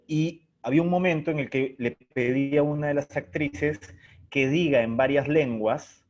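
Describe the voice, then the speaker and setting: Over a muffled, lo-fi online call, a man who writes and directs for the theatre talks as an interview guest. He speaks reflectively and expressively in a darkish, mid-range voice, thinking aloud as he explains.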